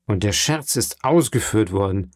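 A man's voice: fairly low pitch, expressive, moderate pace, dry recording, studio quality. A man voicing a guilt-ridden, fearful man. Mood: guilty. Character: guilt-ridden, fearful adult male neighbour.

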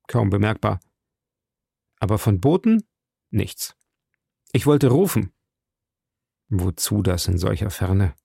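A man giving scripted audiobook narration in a measured, dramatic first-person manner. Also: medium pitch, gravelly, mellow, no room sound, studio quality.

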